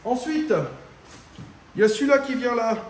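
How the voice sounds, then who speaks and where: A man's voice: very high-pitched, normal speed, slight background noise. Slangy man talking in an echoey garage. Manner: slangy, talks straight to the viewer, swears when annoyed. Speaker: home mechanic showing a car repair. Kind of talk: casual workshop vlog. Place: garage workshop.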